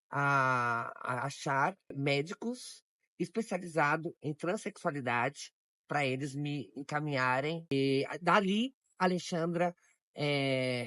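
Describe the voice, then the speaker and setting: A woman in her forties giving a documentary testimony in a measured, reflective way with pauses. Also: sits low, no room sound, studio quality. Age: 40s. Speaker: interviewee.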